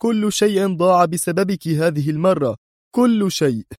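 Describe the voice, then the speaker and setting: Narrator voicing a harsh mastermind villain, raised pitch, altered mechanical voice, stern. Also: male voice, normal speed, darkish tone, no echo, studio quality. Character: cold, hidden male mastermind villain. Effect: altered mechanical-sounding voice.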